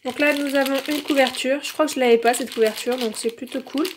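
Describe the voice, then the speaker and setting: A woman's voice: high-pitched, steady tone, fast, background noise. A woman casually reviewing toys as she unboxes them, filled with "donc" and "euh", recorded on a phone held in one hand. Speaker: toy reviewer.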